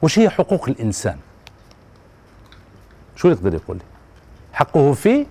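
Hosting a kids' TV program in a colorful studio full of children, an Algerian-accented man in his thirties draws the young audience out with questions, speaking into a handheld mic. His medium-pitched voice swoops wildly, fairly quick, warm, and slightly rough.

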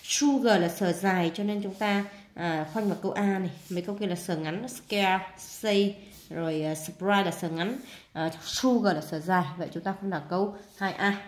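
A woman's voice: lowish voice, normal speed, roomy sound. A woman teacher with a Vietnamese accent, talking her students through an English exam step by step, often repeating herself and saying "à". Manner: steady explaining, frequent fillers and repeats. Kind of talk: casual spoken exam walkthrough.

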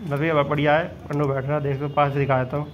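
Guy filming his pigeons on the roof with his phone, slightly high voice, chatty, bit of outdoor noise. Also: level tone, fast, highs cut off. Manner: chatty, pointing things out to viewers. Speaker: pigeon keeper and vlogger. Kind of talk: casual filmed walkthrough. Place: rooftop pigeon loft, outdoors.

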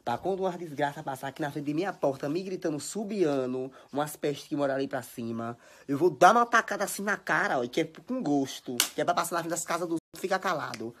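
A deep yet fairly bright voice, animated and fast, comes from a young Bahian woman with a Bahian Brazilian Portuguese accent, with slight noise in the background. She's a social media personality telling casual stories into her phone at home, scolding and chattering theatrically.

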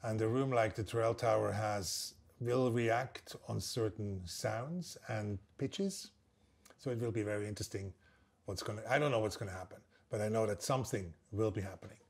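Low-ish and a little mellow, his voice is creaky with a breathy edge, moving at a normal speed. He is a Swiss composer and percussionist in his sixties from Basel, a native German speaker with a Swiss German accent, reflecting on his work in short phrases during an interview. They sit indoors at a large wooden table under a glazed roof.

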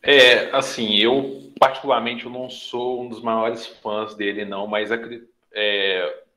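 A man's voice: on the low side, flat delivery, slow, sharp tone, echoey room. A young man with a Brazilian Portuguese accent, giving a lecture on a video call with earbuds, explaining and often adding tag questions. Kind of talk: online lecture to students.

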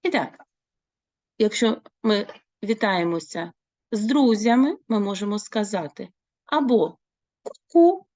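Woman, language teacher, lively pitch, dry close sound, slow clear repetition. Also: no echo, soft background music. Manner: slow, clear, repeats words for learners. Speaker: French teacher. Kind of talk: online language lesson.

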